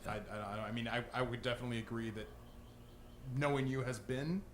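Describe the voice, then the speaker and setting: A man co-hosting a comedy podcast, halting and mock-sincere. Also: mid-range voice, fairly even intonation, slight background noise. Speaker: podcast co-host. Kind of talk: improvised comedy podcast banter.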